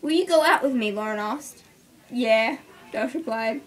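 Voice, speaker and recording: Soft music plays behind a young woman reading a school story to her friends in a clearly noisy home recording. Her voice is a little high and her pace measured. She giggles and drifts off into banter with her listeners.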